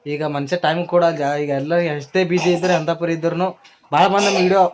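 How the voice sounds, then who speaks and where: Woman, North Karnataka accent, very fast, low-pitched, casual home vlog chatter. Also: steady tone, background noise. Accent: North Karnataka Kannada. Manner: chatty, repeats phrases, ends sentences with a polite address word. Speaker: family vlogger.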